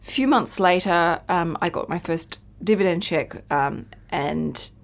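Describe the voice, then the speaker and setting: Lower-voiced woman telling a chatty story. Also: a little slow, creaky. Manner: chatty, tells anecdotes with quoted voices. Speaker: podcast guest. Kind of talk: casual storytelling interview.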